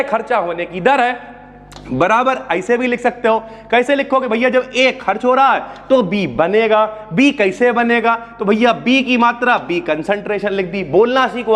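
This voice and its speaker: High-voiced chatty chemistry teacher. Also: male voice, fairly bright tone. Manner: chatty, calls students brother, asks and answers own questions. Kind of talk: classroom lecture. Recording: long hall reverb.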